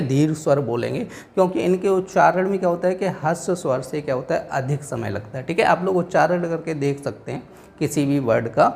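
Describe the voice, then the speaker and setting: A male teacher with a northern Indian Hindi accent delivers a classroom lecture, frequently quizzing his listeners with rhetorical questions. His voice is on the high side and creaky, and the recording carries a little hiss or hum.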